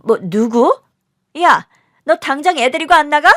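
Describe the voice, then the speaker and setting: A woman voicing a strict, irritable schoolteacher who scolds pupils with sharp, raised speech. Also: sits high, expressive, a little slow, no room sound, clean studio sound, pitched above the performer's own voice. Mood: angry.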